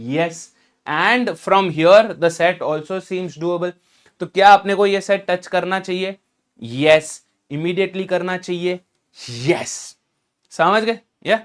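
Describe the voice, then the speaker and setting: A man's voice: on the high side, fairly bright tone. A man teaching exam strategy in a casual, emphatic lecture, mixing in English and asking rhetorical questions.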